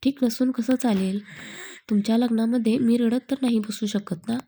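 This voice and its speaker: A heartbroken young man who keeps up a brave face, talking with forced lightness, as a woman narrator puts him on. The voice is mellow and soft-edged. This is a storybook reading. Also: a little high, steady tone, normal speed, breathy edge. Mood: wry.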